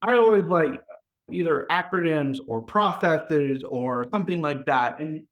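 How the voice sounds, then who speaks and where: A man hosting an interview, asking questions in a measured way and thinking aloud as he goes. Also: on the high side, highs cut off. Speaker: podcast host. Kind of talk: conversational interview.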